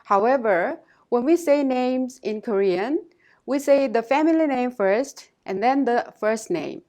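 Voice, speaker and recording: A woman teacher giving a scripted language lesson in a measured, instructive way, pausing to model phrases for listeners to repeat. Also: fairly high pitch, expressive, warm tone.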